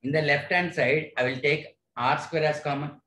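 Speaking at a normal speed in a slightly high, steady, somewhat bright voice, a man with an Indian accent teaches physics online. He walks through a derivation step by step and keeps checking comprehension with brief questions. The recording sounds roomy and echoey.

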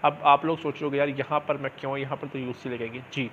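In this casual tutorial commentary, the man talks fast at medium pitch, fairly bright and fairly even in intonation, checking in with viewers now and then as he explains the game. His recording is dull and lo-fi with noticeable background noise.

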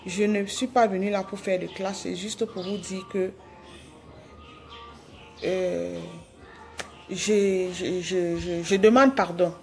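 A woman's voice: medium pitch, steady tone, slow, long pauses. A woman speaks to her followers on a live phone video, pleading and going over the same points again and again. She stumbles into hesitant restarts as she talks. Faint music plays underneath. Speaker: livestreamer addressing her followers.

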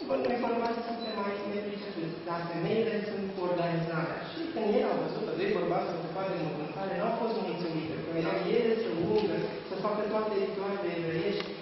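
A parish priest explains scripture to his class in a plain, conversational teaching voice, pressing on the points he wants remembered. He is caught from a distance in a long-ringing church hall. A steady hiss runs beneath the muffled recording. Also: high voice, hardly any pauses. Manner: conversational teaching with strong emphasis. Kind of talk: catechism lesson. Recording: far, echoey, dull room recording.

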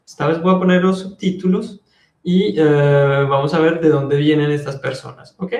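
A man in his thirties teaching an online French lesson from an office on a video call, slow and deliberate, explaining step by step. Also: a little high, steady tone, a little mellow, reverberant. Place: office with window blinds. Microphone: earphone headset mic on video call.

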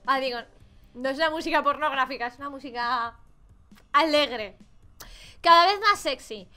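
A young woman with a Spain Spanish accent giving jokey, animated commentary while playing and reading a dating game. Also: high voice, moderate pace, faint music behind. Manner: animated and jokey, swears playfully, laughs often. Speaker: gaming YouTuber.

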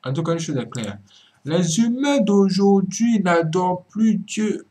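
A man preaching in a video commentary, swinging from emphatic cries down to low murmured asides and repeating words for emphasis. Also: animated, unhurried, mellow. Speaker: religious commentator.

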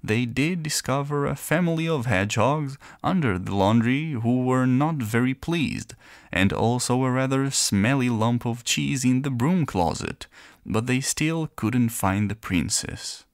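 A man reading a children's fairy tale aloud in a gentle, playful storyteller manner. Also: medium pitch, lively intonation, a little slow, no room sound, studio quality. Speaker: narrator.

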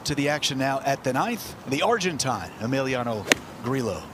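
A man's voice: mid-range voice, big pitch swings, normal speed. A man giving live television golf commentary on the play. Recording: noisy outdoor broadcast, loud crowd ambience. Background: crowd and outdoor course noise.

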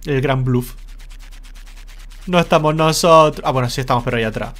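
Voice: mid-range voice, fairly quick, fairly bright tone. A streamer from Spain making casual, mocking asides while playing a video game. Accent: Spain Spanish. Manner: mocking, offhand, slangy. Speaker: let's play streamer.

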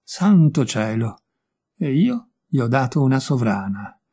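A man voicing a kind-hearted, easily flustered young gentleman in an audiobook, earnest and quick to protest. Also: mid-range voice, very animated, breathy edge, exaggerated voice. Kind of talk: audiobook character voice.

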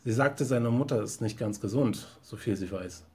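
Husky guy reading a short story aloud, steady even narration. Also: on the low side, normal speed. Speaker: trainee teacher reading aloud.

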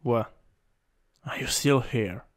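An ASMR roleplay performer with an Italian accent improvises the part of a teasing, domineering older stepbrother, sounding dismissive. His medium-pitched voice is breathy and intimate, slow and halting, frequently sinking to a whisper. He's recorded up close on a USB microphone.

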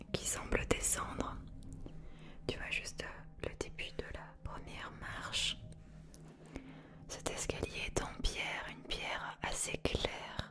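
A young adult woman guiding an ASMR hypnosis in a hushed whisper, soothing and instructing, close to the microphone. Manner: slow, soothing, instructing delivery. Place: small dim indoor room.

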